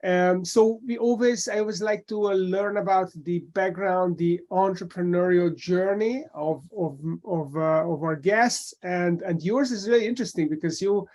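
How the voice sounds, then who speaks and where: A man's voice: high voice, normal speed, few pauses, a little mellow. A man hosting a podcast, asking conversational interview questions and often restarting his phrases. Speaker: podcast host.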